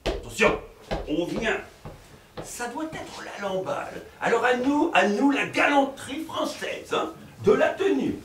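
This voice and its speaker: A man's voice: very high voice, measured pace, crowd noise. A man playing a bumbling, lecherous provincial professor. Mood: comic. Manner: theatrical, excitable, chuckling asides to the audience. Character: bumbling middle-aged male provincial professor, lecherous and fussy. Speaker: stage actor. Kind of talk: live stage comedy performance. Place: theater stage. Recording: roomy stage sound from a distant mic.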